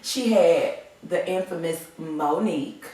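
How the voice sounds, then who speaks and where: A woman's voice: on the low side, takes it slowly, dark tone. A woman co-hosting a casual group chat, chatty and teasing. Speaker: co-host. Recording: echoey room, mic far off.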